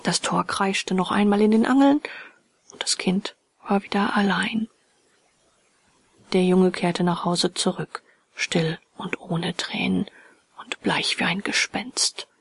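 A woman narrating a fairy tale in a soft, hushed, whispered reading. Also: medium pitch, slow pace, long pauses, no echo. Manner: soft, hushed and breathy delivery.

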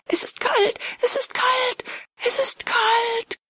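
A woman voicing a terrified man who begs and cries out in panic in the dark, in shrill, breathy whispers. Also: level tone, slow pace, no echo, exaggerated voice. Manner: frantic, begging, whispered cries.

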